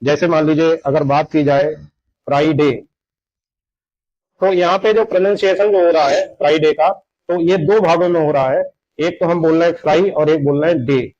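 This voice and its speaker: Male teacher, slightly high voice, patient explainer, lo-fi mic. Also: steady tone, a little mellow. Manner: slow, explanatory, repeats examples. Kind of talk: Hindi grammar lesson lecture. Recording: dull lo-fi sound.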